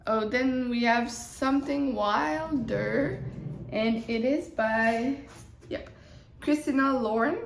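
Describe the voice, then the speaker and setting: A woman's voice: a little high, takes it slowly, vocal fry, a little hiss or hum. A young woman chatting casually as a book vlogger, rambling and often breaking off mid-sentence. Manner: rambling, chatty, self-interrupting. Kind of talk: casual chat. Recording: roomy echo.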